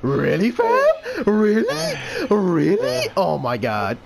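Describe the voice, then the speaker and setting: Wildly animated slangy gamer guy. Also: high voice, slow pace, vocal fry, a loud crowd. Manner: profane, slangy, incredulous, jokey. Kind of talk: casual reactions while playing online games with a friend. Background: video game music.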